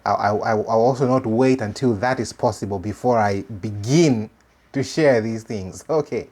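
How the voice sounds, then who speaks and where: Hosting an informal religious commentary channel, this native Chichewa speaker from Malawi talks with a Malawian accent. He is earnest and halting, repeats phrases to stress them, and his voice is on the low side and a little mellow.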